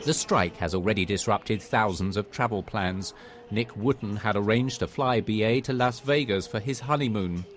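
Low-voiced man reporting radio news. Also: normal speed. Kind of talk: scripted news report narration.

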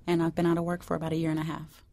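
A woman's voice: sits low, monotone, rapid-fire, a little mellow. A woman in her thirties answering a radio interview question in a direct, matter-of-fact way. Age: 30s. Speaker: interview guest, office administrator.

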